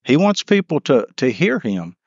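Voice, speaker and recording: A man's voice: medium pitch, big pitch swings, normal speed, breathy edge, dry recording, muffled recording. A man leading a church Bible class, reading scripture and then explaining it, often restarting and repeating words as he asks the class questions.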